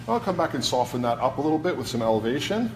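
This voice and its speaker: A man's voice: mid-range voice, big pitch swings, quick pace. Male hairdresser, Brooklyn accent, mid-range voice, talking viewers through his work casually, faint room noise. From New York, USA. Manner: informal, explains step by step while working. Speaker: hairdresser demonstrating a cut. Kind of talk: casual live demonstration. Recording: noisy busy salon background.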